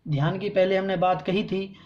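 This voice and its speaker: A woman teaching a scripture class, reciting verses slowly and patiently and asking the listeners to repeat after her. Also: mid-range voice, steady tone, darkish tone, highs cut off. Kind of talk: recitation lesson.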